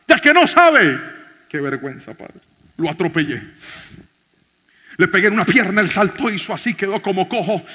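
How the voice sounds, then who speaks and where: A man, a pastor, preaching a sermon and telling a personal story in an animated way, shifting from shouting to soft speech. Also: high voice, moderate pace, long pauses, slightly rough, big-room sound.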